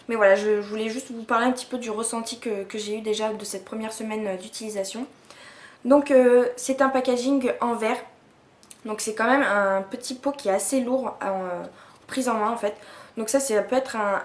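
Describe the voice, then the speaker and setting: A young woman in her twenties talks through a skincare review in a loose, chatty way, full of fillers and restarts. Her voice sits a little high, and the room around her is echoey. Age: 20s. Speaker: beauty vlogger. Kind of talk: casual product review.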